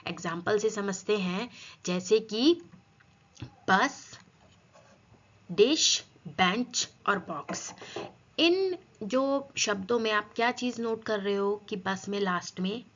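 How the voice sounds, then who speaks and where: Female grammar teacher, unhurried, quizzing pupils; muffled lo-fi recording. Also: medium pitch, animated, fairly bright tone. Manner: asks and answers her own questions, addresses students as children. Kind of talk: classroom grammar lesson.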